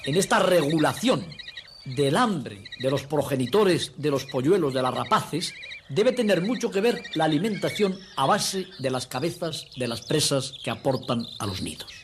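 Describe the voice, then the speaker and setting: A man narrates a nature documentary. His delivery is emphatic and didactic, as if teaching friends. The soundtrack is noisy, with birds and crickets behind him. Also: fairly high pitch.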